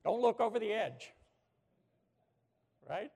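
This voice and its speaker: A man preaching a sermon in a church, telling a story with animated swings from hushed to shouting. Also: sits high, slow pace, creaky, husky. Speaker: pastor. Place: church sanctuary with a balcony. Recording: long hall reverb from a church.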